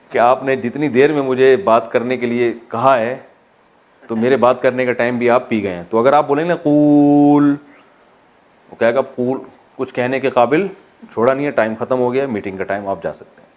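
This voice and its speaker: A man from Pakistan teaches a Quran exegesis class in a steady, mid-range voice. He puts questions to the students and answers them himself. He keeps the lecture lively with jokes. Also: mid-range voice, lo-fi sound.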